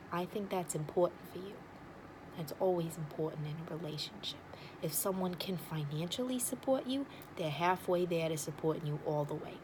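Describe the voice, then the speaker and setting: A woman's voice: on the low side, natural voice. Lady doing a nosy wisecracking matchmaker, ASMR role-play, thick hammy regional accent, teasing, noisy ambience behind her. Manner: blunt, familiar, teasing. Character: blunt, nosy, wisecracking female matchmaker with sales patter.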